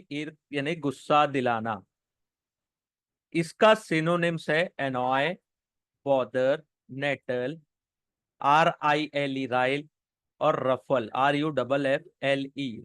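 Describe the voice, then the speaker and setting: A man's voice: a little high, a bit bright, smooth, no room sound. A man teaching an English vocabulary lesson, spelling words letter by letter and often saying "okay" between them.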